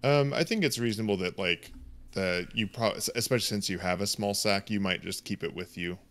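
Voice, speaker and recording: Low-voiced hesitant male game master. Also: fairly quick, a bit bright. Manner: hesitant, many ums and restarts. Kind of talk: running a tabletop game, casual explanation.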